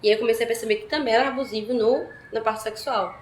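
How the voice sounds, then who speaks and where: A young woman talks quickly and directly about her experience. Her voice sits at a middle pitch and carries a roomy echo, with faint ambience behind it. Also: fairly even intonation, slight background noise. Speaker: interviewee. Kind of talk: personal testimony.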